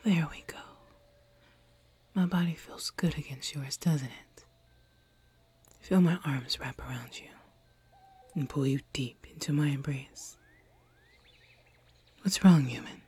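Woman voicing a low, breathy seductive alien. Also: slow pace, pauses often, mellow, full character voice. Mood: whispery teasing. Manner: whispery, teasing, commanding. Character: possessive seductive female alien captor. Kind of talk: audio roleplay.

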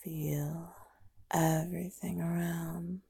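Slow breathy whispering woman. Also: on the low side, level tone. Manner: slow soft unvoiced whisper, counting down. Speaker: ASMR performer. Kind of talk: whispered ASMR hypnosis.

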